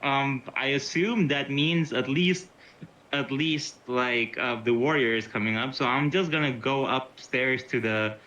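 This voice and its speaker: A man playing a tabletop game talks casually and hesitantly, often restarting sentences and swearing. His medium-pitched voice is bright and forceful at a measured pace, captured on a dull lo-fi mic.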